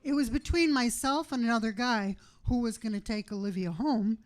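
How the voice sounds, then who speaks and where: A middle-aged woman doing open-mic stand-up with dry, deadpan one-liners. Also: fairly high pitch, moderate pace. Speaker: stand-up comic.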